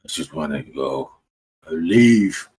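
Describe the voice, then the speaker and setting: A man running a tabletop game over an online call, speaking in halting, broken-off phrases while his audio keeps cutting in and out. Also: rumbling low, expressive, darkish tone, breathy edge, dry recording. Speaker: game master. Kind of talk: narrating and voicing characters in a tabletop game.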